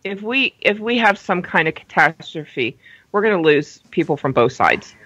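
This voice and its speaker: A woman's voice: fairly low pitch, animated, normal speed, fairly bright tone, no room sound, rough recording. A woman co-hosting a casual talk radio show, chatting and hedging with frequent fillers. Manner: chatty, hedging, laughs often.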